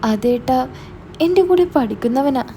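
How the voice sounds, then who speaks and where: Younger sister, scared, pleading, hesitant, voiced by a woman, high, mellow. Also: animated, normal speed, slight background noise.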